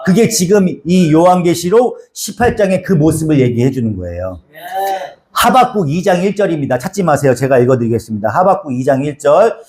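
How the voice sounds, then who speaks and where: A man's voice: a little high, animated, a little fast, a little mellow. A man preaching a sermon in a conversational, repetitive style, acting out quotes as he explains scripture. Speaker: pastor.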